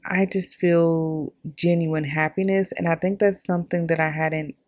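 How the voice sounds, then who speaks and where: A woman's voice: fairly low pitch, steady tone, unhurried, a little mellow. A young woman in her twenties hosting a podcast, telling her own story in a candid, chatty way and talking straight to her listeners. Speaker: podcast host. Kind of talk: casual personal storytelling.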